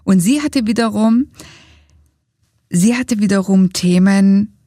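A woman coach explaining a method and giving step-by-step advice in a lively motivational talk. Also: mid-range voice, takes it slowly, no echo, clean studio sound.

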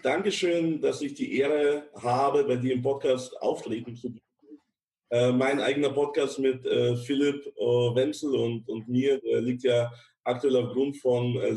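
A man in his thirties, born in Ukraine, talks casually as an interview guest. His mid-range voice has a gravelly edge, and he scatters fillers through his sentences, often closing a thought with a quick "ja.". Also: medium pitch, fairly even intonation, a little mellow. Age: 30s. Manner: many fillers, chatty, ends phrases with "ja". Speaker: podcast guest, insurance broker.

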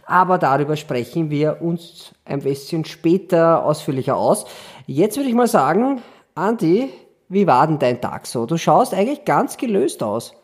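A man's voice: a little high, sing-song, normal speed, slightly rough. A man hosting a casual podcast chat, joking and laughing often. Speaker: podcast host.

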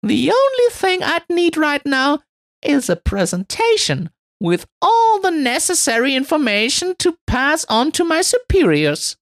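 A man voicing a shrill, effusive female marketing executive in a storybook reading. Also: huge pitch swings, unhurried, a bit bright, no room sound, studio quality, exaggerated voice. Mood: gushing. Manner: effusive, salesy.

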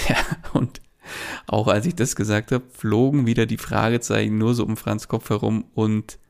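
A man's voice: lowish voice, little pitch movement, moderate pace, vocal fry, darkish tone, clean tone. A man hosting a solo podcast, telling a client story and coaching listeners directly in a chatty way, with many filler words. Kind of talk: solo podcast monologue with advice.

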